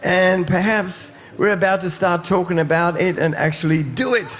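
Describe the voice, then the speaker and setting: Upbeat radio presenter, a fairly high-voiced man. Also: normal speed, a bit bright. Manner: enthusiastic, hyping the audience. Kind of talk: live radio interview. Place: outdoor festival live broadcast.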